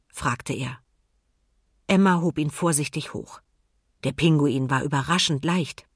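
Woman reading a kids story, low and a bit husky, really dry close sound. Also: no echo. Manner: calm, expressive storytelling. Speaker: narrator. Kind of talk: children's audiobook reading.

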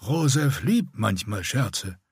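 A man's voice: mid-range voice, very animated, slow pace, husky, no echo, clean studio sound, heavily acted. A man voicing a tall, older male warrior who grumbles and speaks dismissively. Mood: grumpy.

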